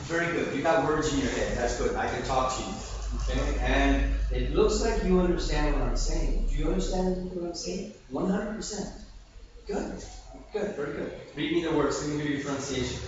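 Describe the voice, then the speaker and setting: A man with an American accent runs a pronunciation lesson, a touch higher-pitched than most men. He sounds distant in a very echoey classroom, and the recording is dull with steady noise behind him. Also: normal speed. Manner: patient, repeats and checks understanding with "okay?". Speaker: English teacher.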